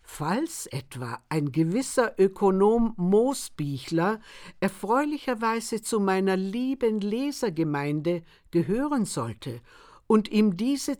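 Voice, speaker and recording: A woman narrating a humorous story in a measured storytelling manner. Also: mid-range voice, very animated, a little mellow. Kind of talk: scripted narration.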